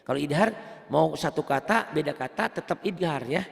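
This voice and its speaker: A man's voice: a little high, animated, moderate pace, creaky, long reverb tail. A man teaching Quran recitation rules one-on-one, patiently repeating points and quizzing his student. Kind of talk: one-on-one tajwid lesson.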